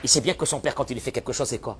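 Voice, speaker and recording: A man giving a sermon as a rabbi, animated, often acting out the voices of people who complain. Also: mid-range voice, rapid-fire, slight background noise.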